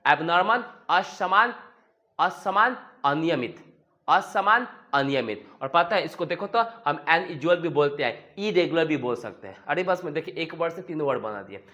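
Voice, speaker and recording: A man's voice: fairly high pitch, lively intonation, brisk, few pauses, fairly bright tone. A man teaching English vocabulary, who keeps repeating each word and asking and answering his own questions. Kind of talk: vocabulary lesson. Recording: dull lo-fi sound.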